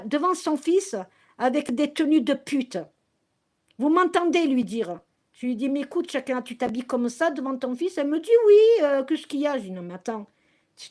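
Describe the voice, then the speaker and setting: A woman ranting to her viewers on a live stream, angry and accusing, often stumbling and restarting her sentences. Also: sits high.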